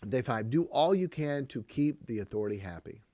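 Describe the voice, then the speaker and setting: Man, podcast host, parenting lesson, emphatic, repeats himself, chuckles, mid pitch, dry close sound. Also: expressive, a little fast, mellow, no room sound. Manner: emphatic, repeats key phrases, chuckles often. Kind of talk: preachy parenting talk on proverbs.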